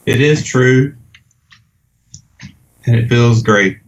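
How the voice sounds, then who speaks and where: A man's voice: mid-range voice, extremely slow. Earnest middle-aged man, dull noisy sound. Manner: earnest, repeats phrases. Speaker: interview guest. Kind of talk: casual interview chat.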